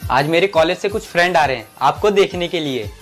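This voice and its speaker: A woman playing a flattering young brother-in-law who asks his sister-in-law to cook for his friends. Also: low voice, fairly quick. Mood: coaxing. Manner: coaxing and flattering. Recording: music playing behind.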